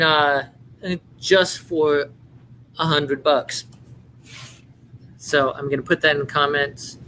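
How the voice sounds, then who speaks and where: A man hosting a live-stream sale, giving a playful, hammy home-shopping style sales pitch with chatty patter. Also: fairly bright tone, slight background noise, poor audio.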